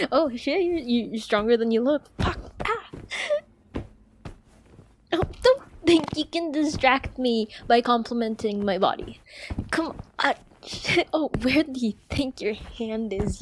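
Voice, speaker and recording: A woman's voice: on the high side, animated, slow, slight background noise. A young woman voicing a cocky, teasing friend's older sister in an audio roleplay, swearing freely and laughing often. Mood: playful, boastful. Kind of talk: audio roleplay addressing the listener.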